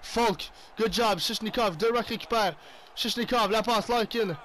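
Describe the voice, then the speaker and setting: A young man with a Québécois accent giving excitable play-by-play commentary on his own hockey video game, mixing in English exclamations. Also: high voice, unhurried. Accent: Québécois French. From Quebec. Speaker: gaming YouTuber.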